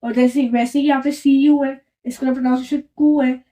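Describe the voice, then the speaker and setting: This French teacher has a high-pitched, mellow voice with a level tone and moderate pace. Explaining a lesson at a whiteboard, she goes patiently, repeating things and frequently asking "right?" to check in.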